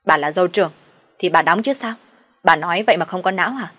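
A woman's voice: fairly low pitch, little pitch movement, normal speed, no echo, lightly acted. A woman doing a rude, demanding young man. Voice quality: blunt, insulting. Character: rude, entitled young brother-in-law.

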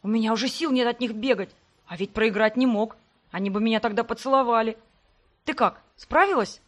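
A woman voicing the narrator's playful young brother, loud and teasing. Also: fairly high pitch, fairly quick, natural voice. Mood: relieved.

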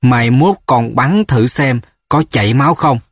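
A man's voice: mid-range voice, lively intonation, unhurried, husky, dry recording, clean studio sound. A man voicing a young village fighter who is stubborn and resolute, speaking in a firm, earnest way. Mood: determined.

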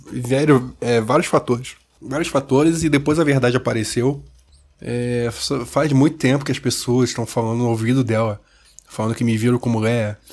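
A man's voice: medium pitch, a little mellow. A man with a Brazilian Portuguese accent venting in a casual monologue, firing off rhetorical questions with slang and swearing. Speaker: vlogger.

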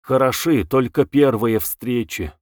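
A man's voice: medium pitch, a little slow, no echo, clean studio sound, close to an everyday voice. A man voicing a brooding, irritable intellectual musing to himself in an audiobook. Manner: inward, musing.

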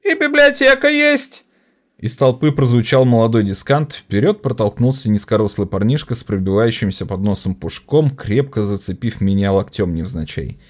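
A man narrating an audiobook in an expressive reading style. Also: on the low side, moderate pace, hardly any pauses. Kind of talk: scripted narration.

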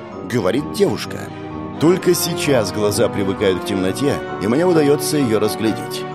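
A man's voice: fairly low pitch, expressive, moderate pace, loud music behind the voice. A man narrating an audiobook in the first person, with a wry, sardonic inner monologue on a close mic.

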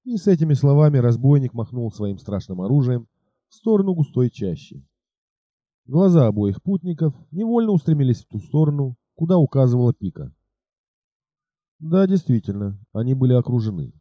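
A man reading an adventure novel aloud as a narrator, dramatic and lively. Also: medium pitch, fairly quick, no echo, muffled recording. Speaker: audiobook narrator. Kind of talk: expressive scripted narration.

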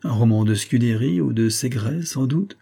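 A man's voice: mid-range voice, normal speed, vocal fry, dark tone, breathy edge. A man reading the part of a carefree young officer with a playful, teasing manner in an audiobook. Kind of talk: audiobook character voice.

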